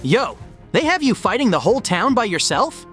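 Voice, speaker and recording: A man's voice: high voice, sing-song, moderate pace, fairly bright tone, soft background music. A man voicing a cocky, kind-hearted young hedgehog hero in a comic dub, casual and slangy. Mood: brisk, breezy.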